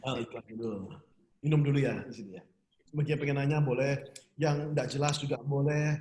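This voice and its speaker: A man's voice: medium pitch, fairly even intonation, a little fast, a little mellow, echoey room. A man giving an online business seminar in a chatty way, laughing often and asking the audience questions.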